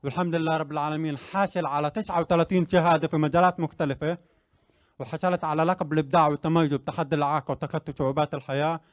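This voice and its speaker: A man's voice: a little high, steady tone, racing, dry recording. A young man tells his own story with earnest conviction, building to emphatic motivational declarations. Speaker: interviewee sharing his story. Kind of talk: personal testimony and motivational speech.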